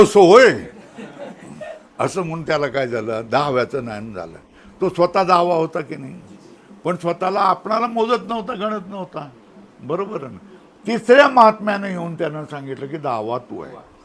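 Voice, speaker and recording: Older male spiritual teacher, gravelly voice, storytelling sermon, swings between loud and hushed, faint noise behind. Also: fairly high pitch. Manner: storytelling, asks the audience rhetorical questions; acts out characters with sharp swings in loudness. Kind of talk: Marathi spiritual discourse with a parable.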